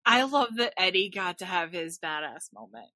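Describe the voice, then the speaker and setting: Brief: bright-toned woman, dry matter-of-fact co-host in casual film talk. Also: lowish voice, very animated, normal speed, no echo. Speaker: podcast co-host. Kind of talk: casual movie discussion.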